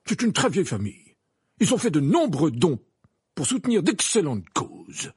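A pompous, defensive minister who trips over his words, as a man reading a storybook puts him on. His breathy voice swings widely up and down, close and dry. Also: fairly high pitch, very animated, moderate pace, darkish tone, no echo, voice pushed up, heavily acted. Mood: indignant. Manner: stammering, repeating words. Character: pompous flustered male minister, stubborn and defensive. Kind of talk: audiobook character voice.

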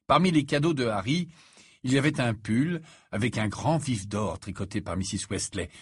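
A man reading a storybook aloud as narrator, with lively storytelling. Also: mid-range voice, normal speed, slightly rough, dry recording, clean studio sound. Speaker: audiobook reader. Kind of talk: scripted narration.

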